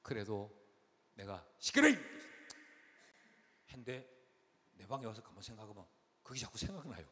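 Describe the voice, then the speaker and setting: A man's voice: fairly low pitch, fairly quick, long pauses. A middle-aged man with a Gyeongsang Korean accent, preaching a folksy revival sermon and acting out quotes. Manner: animated, folksy, acts out quotes. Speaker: senior pastor, guest revival preacher. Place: large church sanctuary. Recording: long hall reverb, faint noise.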